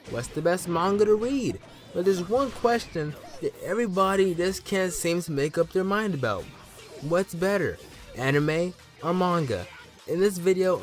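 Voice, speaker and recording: A young man hosting a casual anime vlog, joking and ribbing his audience with lively energy. His voice runs a touch higher than most men's, with faint music playing underneath. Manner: animated, joking, playful. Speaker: anime YouTuber host.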